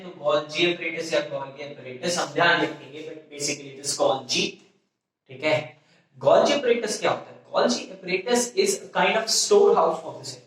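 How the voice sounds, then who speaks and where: A man's voice: on the high side, fairly bright tone. A man teaching a school biology lesson, often asking the class questions and answering them himself, sometimes correcting his own slips. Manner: repetitive call-and-response questioning, frequent self-corrections. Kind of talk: classroom biology lecture in Hindi-English mix. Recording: very echoey room, voice from far off.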